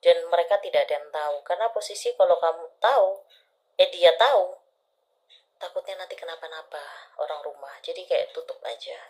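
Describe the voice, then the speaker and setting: A woman doing a palm reading for a live caller, her voice sitting a little low. She talks intimately and affectionately, sliding between hushed whispers and bursts of loud laughter. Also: brisk, poor audio. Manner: intimate, calls listener "sayang", swings between soft whispers and loud laughter. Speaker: palm reader. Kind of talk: live-stream fortune reading.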